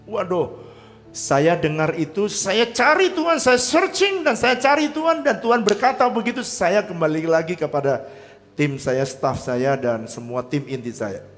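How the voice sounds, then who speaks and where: A man preaching a sermon as pastor, telling his story with swings between loud and soft delivery. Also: high voice, big pitch swings, measured pace, soft background music. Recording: long hall reverb.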